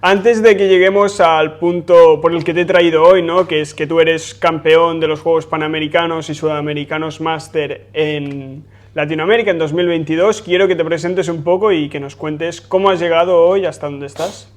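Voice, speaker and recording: Higher-pitched host. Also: male voice, fairly even intonation, moderate pace. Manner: friendly, asks long framed questions. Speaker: podcast host. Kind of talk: conversational interview hosting.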